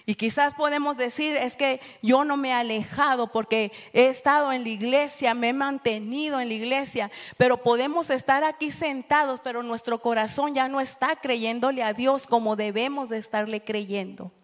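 A woman addresses a congregation in a calm, earnest teaching tone. Her voice sits a little high, and her delivery stays steady and sincere. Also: moderate pace, few pauses. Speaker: church speaker. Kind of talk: sermon.

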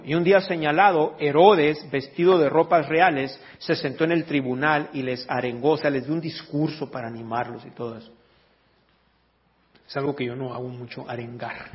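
A man preaches to a church congregation in a fairly high voice, reading scripture and then stepping away from the text to joke with his listeners. The recording sounds dull and lo-fi. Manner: lively, joking asides to the congregation, reads scripture aloud. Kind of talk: sermon.

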